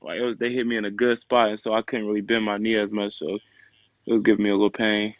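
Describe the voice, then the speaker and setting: A man's voice: on the low side, level tone, fast talker, no room sound. A young man, a basketball player, giving casual interview answers over lo-fi audio. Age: young adult.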